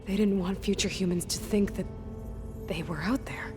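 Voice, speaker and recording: In a lightly acted performance at a moderate pace, an actress with a medium-pitched voice plays a resolute young woman hunter in a game cutscene. Her lines are inquisitive and blunt, and the scene's music plays while she sounds far off.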